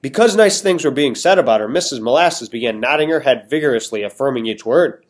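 A male teacher reading a novel aloud to his students, expressive and stopping now and then to explain words. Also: medium pitch, fairly quick.

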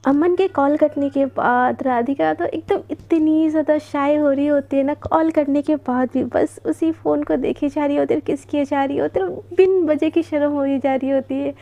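A woman narrates a love story like she is chatting with friends. Her voice is high and warm, with a dark, soft tone. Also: moderate pace, few pauses, lo-fi sound. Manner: chatty, conversational.

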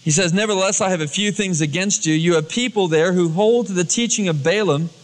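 A pastor with a high-sitting, brisk voice preaches a storytelling sermon, acting out dialogue in everyday colloquial words. The recording is a cassette tape transfer with long hall reverb.

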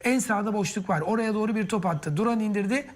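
A man's voice: high voice, quick pace. An impassioned man in live football co-commentary. He openly backs his team, following each pass and urging players on in short, repeated bursts.

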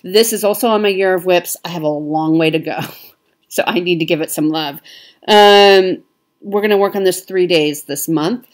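A woman's voice: lowish voice, moderate pace. A woman with a Midwestern American accent chatting casually as a cross-stitch vlogger, with frequent ums. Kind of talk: casual show-and-tell chat.

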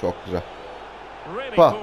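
A hoarse man, giving excitable live commentary over a football video game and shouting out player names in bursts. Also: takes it slowly, a crowd in the background, rough recording. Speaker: gaming YouTuber.

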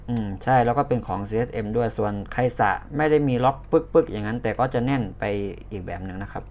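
A man's voice: mid-range voice, slight background noise. A Thai-accented man talking casually as he demos and reviews a toy, pointing things out as he goes. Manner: chatty, hands-on, pointing things out.

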